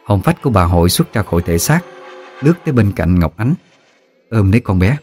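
A man narrating a ghost story in a steady, even manner. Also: on the low side, fairly quick, faint music behind. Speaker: audiobook narrator.

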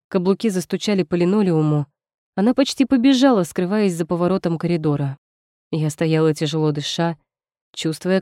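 A woman's voice: on the low side, dark tone, no room sound, clean studio sound. A woman narrating a dramatic first-person story.

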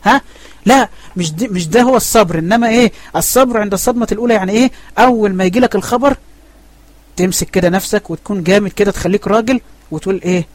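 A man's voice: high-pitched, very fast. A man with an Egyptian accent teaching an online religious lesson. He asks questions and answers them himself. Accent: Egyptian Arabic. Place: online voice chat room.

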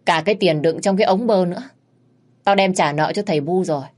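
A woman's voice: on the low side, fairly quick, a little mellow, lightly acted. A woman voicing a lazy, spineless husband who whines and defends himself. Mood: defensive.

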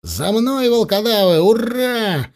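A man voicing a young male army officer who shouts orders to his soldiers in battle. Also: on the high side, animated, moderate pace. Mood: shouting orders.

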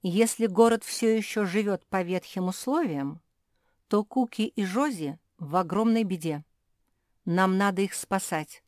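A woman's voice: medium pitch, measured pace, darkish tone, no echo, clean studio sound, close to an everyday voice. A woman voicing a learned, courtly male pug dog who speaks formally and gallantly. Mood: thoughtful.

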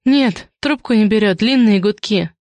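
A woman's voice: medium pitch, a little mellow, no echo, close to an everyday voice. A woman reading an audiobook and voicing an anxious, stern older woman who manages others. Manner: slow, bewildered then stern.

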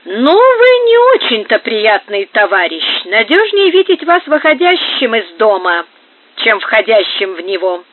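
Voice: medium pitch, big pitch swings, unhurried, a little hiss or hum. A cold, repellent executioner who trusts no one, read by the audiobook narrator. He speaks in a level, icy tone over a narrow, phone-like recording. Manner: cold, distrustful.

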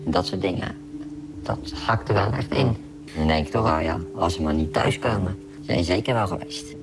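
A man whose voice is pitched down to hide his identity, giving a plain, halting account as an interviewed worker. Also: music in the background. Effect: voice pitched down to disguise it. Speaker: worker interviewed about threats. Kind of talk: recounting in a news interview clip.

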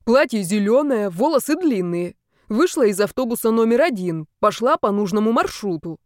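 A woman playing a cocky, loud young guy. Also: on the high side, expressive, moderate pace, no echo, studio quality, lightly acted. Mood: indignant. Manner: pushy, slangy banter. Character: brash young man, cocky and teasing.

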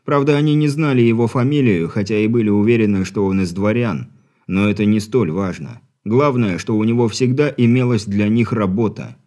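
A man narrating an audiobook with an even, wry storytelling manner. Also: on the low side, brisk. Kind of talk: scripted narration.

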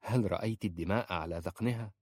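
A man's voice: lowish voice, fast talker, darkish tone, husky, dry recording. A man voicing a spiteful young woman who mocks and gloats. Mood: mocking. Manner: mocking, gloating. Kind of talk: audiobook character voice.

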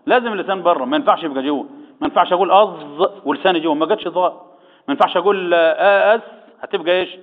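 A man's voice: fairly high pitch, rapid-fire. A man with an Egyptian accent teaching Quran recitation rules, quizzing his students and answering his own questions. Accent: Egyptian Arabic. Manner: asks the class questions and answers them himself. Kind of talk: tajweed lesson, quizzing students. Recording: echoey, tinny phone-like sound.

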